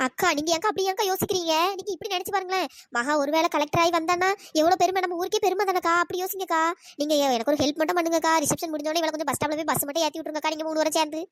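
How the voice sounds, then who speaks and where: A woman voicing a chatty, loyal young village woman in a cartoon, talking in fast coaxing, pleading bursts. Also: very high voice, fairly even intonation, no room sound. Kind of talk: cartoon voice acting.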